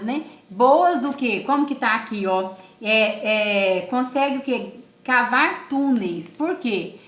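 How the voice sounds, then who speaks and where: A woman teacher talking slowly and with a lot of expression, asking her class questions and then answering them herself. Her voice rises and falls a great deal, and she keeps checking in with tag questions. The recording has the echo of a bare room. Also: fairly high pitch, a bit bright. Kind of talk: online class reading a story aloud.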